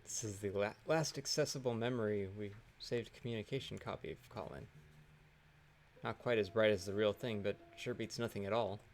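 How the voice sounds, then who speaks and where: A man's voice: on the low side, steady tone, normal speed, slight background noise. A man doing a let's play, reading out game dialogue in character with theatrical outbursts. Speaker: gamer reading a game's dialogue aloud.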